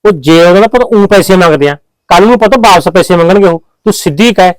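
A man with a Punjabi accent playing a pushy husband who urges and hushes his wife. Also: high voice, quick pace, no room sound, natural voice, poor audio. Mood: persuading. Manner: insistent, hushing, pleading. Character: pushy young husband, mother's son. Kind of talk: comedy short-film acting.

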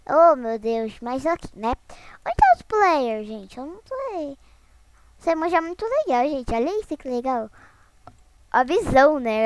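A young female gaming host talking through her Roblox round in a casual, giggly way. Her voice sits high and leaps up and down a lot. The sound is dry and close, with no room around it. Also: no room sound. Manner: chatty, giggly, lots of "né, gente?" asides; squeals when startled. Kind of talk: casual Roblox gameplay commentary.

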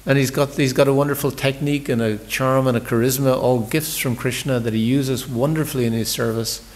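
Man preaching conversationally in a large temple hall, long reverb, mid-pitched voice, storyteller with stumbling restarts. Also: fairly even intonation, brisk. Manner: warm storytelling, conversational, repeats words when he restarts. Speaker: visiting speaker giving a scripture class. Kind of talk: sermon.

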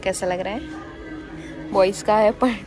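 A woman's voice: medium pitch, measured pace. A woman, chatting casually to her phone camera as she walks and shows things. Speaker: vlogger. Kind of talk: casual shopping vlog narration. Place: busy indoor mall and outdoor food court. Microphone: handheld phone camera. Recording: loud crowd and music behind.

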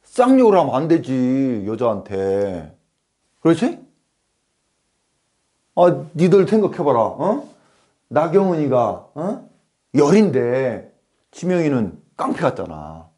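A man's voice: mid-range voice, sing-song, takes it slowly, pauses often, dark tone. A man acting as a schoolteacher in a comedy class, scolding pupils and firing off rhetorical questions. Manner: scolding, rhetorical, keeps asking "어?". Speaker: comic playing a schoolteacher.

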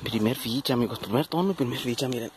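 Un hombre con acento mexicano que narra con tono de charla su búsqueda con detector de metales en un campo, hablándole a sus seguidores como amigos. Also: male voice, medium pitch, quick pace, noisy background. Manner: chatty, addresses viewers as friends. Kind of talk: casual outdoor vlog narration. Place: outdoors in a plowed field.

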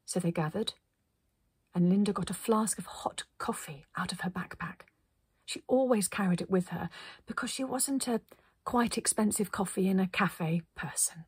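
A woman reading a children's story aloud in a gentle, playful way. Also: mid-range voice, moderate pace, husky, no echo, clean studio sound.

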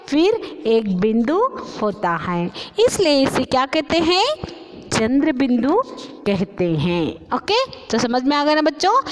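A woman's voice: high voice, big-room sound. A woman teacher giving a patient Hindi lesson to young children, asking the class questions and repeating each point. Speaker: primary school teacher.

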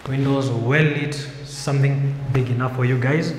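A man's voice: medium pitch, steady tone, moderate pace. A young man from Kenya guiding viewers through an empty apartment, pointing out each room as he walks. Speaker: house tour vlogger. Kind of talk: walking house tour guide. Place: empty apartment rooms, indoors. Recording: echoey empty rooms with music. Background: music bed under the voice.

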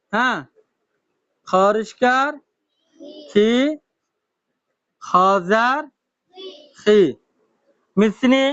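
Slow, patient man drilling a class. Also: very high voice, fairly bright tone, no room sound, dull audio. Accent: Comilla Bengali. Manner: drills pupils with repeated questions and answers. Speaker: Quran teacher. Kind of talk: slow classroom lesson with repetition.

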